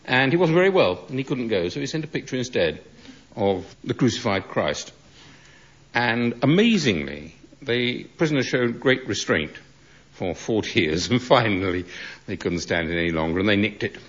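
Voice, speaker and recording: A man's voice: lowish voice, big pitch swings, normal speed, a bit bright. A man on a quiz panel telling a wry anecdote. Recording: dull broadcast audio.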